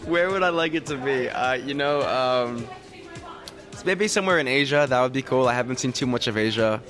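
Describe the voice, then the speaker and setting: A man from Los Angeles, a podcast guest, talking in an animated, casual way with many restarts. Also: mid-range voice, normal speed, soft background music. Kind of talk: casual interview chat.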